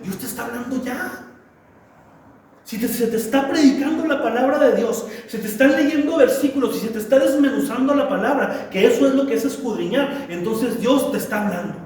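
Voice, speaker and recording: High-voiced pastor preaching in an echoey hall. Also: male voice, fairly quick, darkish tone. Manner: emphatic preaching with repetition and rhetorical questions. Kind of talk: sermon. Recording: echoey church hall, mic at a distance.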